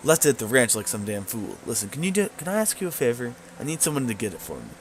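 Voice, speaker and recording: A man voicing a bitter, grieving woman rancher who talks bluntly in rough rural grammar. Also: mid-range voice, sing-song, fast, slight background noise, natural voice. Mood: weary.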